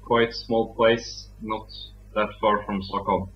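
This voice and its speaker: Young Swedish-accented man, soft-spoken and relaxed, interview guest, muffled low-fi audio. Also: slow, soft background music. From Sweden. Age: young adult. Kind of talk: casual interview.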